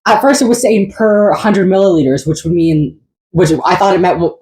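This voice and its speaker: A woman co-hosting a podcast, chatting casually in an excitable, rambling way and swearing now and then. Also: lowish voice, moderate pace, poor audio. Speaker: podcast co-host. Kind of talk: casual chat.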